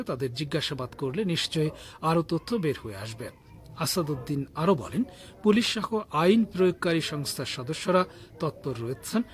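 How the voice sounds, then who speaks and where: A man reading the radio news in a measured, formal delivery. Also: a little high. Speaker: news reader.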